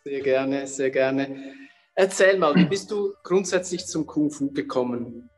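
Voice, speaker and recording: Brief: male interview host, high voice, long reverb, soft music underneath. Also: unhurried. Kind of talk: interview hosting.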